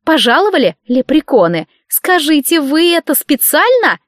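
A woman reading an audiobook, voicing a demanding, scandalous older woman with a shrill, grating voice. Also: sing-song, normal speed, no room sound, clean studio sound. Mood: indignant.

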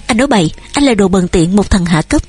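A woman voicing a headstrong young daughter who shouts back, shrill and tearful, with a husky voice. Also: animated, fast. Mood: sobbing.

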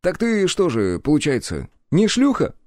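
A man voicing a brash, touchy young man with blunt, loud outbursts. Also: on the high side, wildly swooping pitch, moderate pace, no room sound, clean studio sound, pitched above the performer's own voice.

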